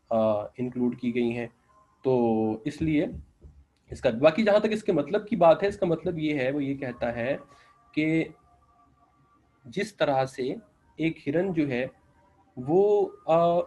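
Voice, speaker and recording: A man's voice: mid-range voice, darkish tone, rough recording. A man with a Pakistani accent teaching an English literature lecture online, explaining patiently, slipping into English and leaning on filler phrases.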